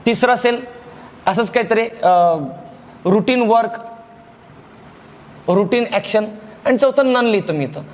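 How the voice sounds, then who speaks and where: High-voiced Marathi man teaching in a reverberant hall. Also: measured pace, pauses often. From India. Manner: explanatory, repeats key phrases, asks students to check understanding. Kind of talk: classroom grammar lecture.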